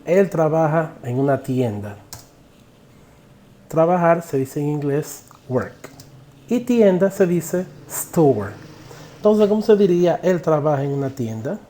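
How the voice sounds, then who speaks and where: Animated and warm, with a slightly high voice, a man teaches English grammar in a recorded online lesson over a little hiss or hum. After asking the viewer questions, he says every English example sentence slowly and with care.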